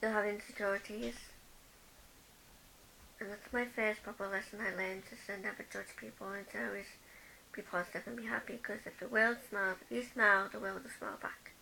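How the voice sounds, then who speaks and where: A woman's voice: medium pitch, fairly even intonation, fairly quick, creaky, pushed and bright, a little hiss or hum, low-quality recording. A young woman from the UK vlogging a tag video, chatting as she reads each question aloud and answers it with personal stories.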